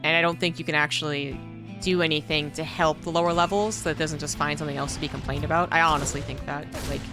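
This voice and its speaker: A woman's voice: low voice, fairly even intonation, fast talker, music in the background. A woman commenting on an esports match, talking through her views in a thoughtful, casual way with many fillers. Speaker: esports caster. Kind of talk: casual game commentary and analysis.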